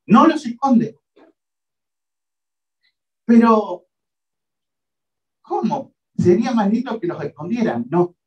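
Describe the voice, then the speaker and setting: Rioplatense pastor guy preaching, high voice, kinda far from the mic, muffled. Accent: Rioplatense Spanish. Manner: emphatic preaching with dramatic pauses and frequent amens. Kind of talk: sermon.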